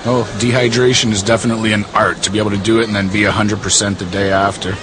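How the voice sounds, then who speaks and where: A man's voice: on the low side, level tone, fast, background noise. A man giving casual, colloquial live fight commentary. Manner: colloquial, conversational. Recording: loud music behind commentary.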